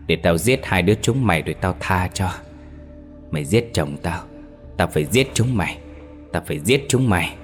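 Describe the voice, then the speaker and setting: A man's voice: deep voice, lively intonation, moderate pace, soft background music. A man voicing the hissing, vengeful ghost of an old woman in a spoken horror story. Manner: hissing, menacing.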